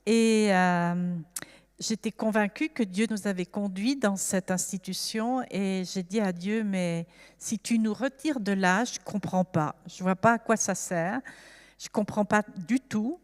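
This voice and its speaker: A woman's voice: mid-range voice, measured pace, long reverb tail. A woman in her seventies from France, giving an earnest, reflective personal testimony at a church service. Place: church hall.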